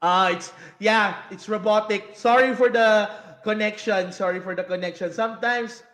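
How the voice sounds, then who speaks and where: High Filipino man on a choppy, robotic call. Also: steady tone, moderate pace, fairly bright tone. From Philippines. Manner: apologetic, laughs often. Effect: choppy, robotic bad internet connection. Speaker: host. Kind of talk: online interview. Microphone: video call. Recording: echoey room over a breaking-up call.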